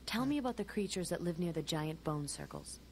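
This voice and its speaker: A woman's voice: on the low side, animated, fairly quick, a little mellow, close to an everyday voice. Woman playing a practical, inquisitive game heroine. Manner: plain, direct questioning. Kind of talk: video game character acting. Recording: game audio with faint noise.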